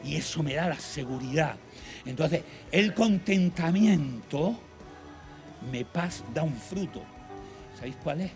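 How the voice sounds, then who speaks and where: A man's voice: a little high, lively intonation. Earnest man sharing a testimony. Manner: earnest and conversational, with reflective pauses. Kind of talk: personal testimony talk. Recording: music playing behind the voice.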